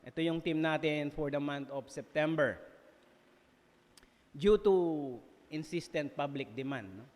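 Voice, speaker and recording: Mixing English with Tagalog, a Filipino man preaches in a lively, fairly high voice that echoes through a church hall with long reverb. Quick to poke fun at himself and laugh, he keeps checking in with the congregation throughout the sermon.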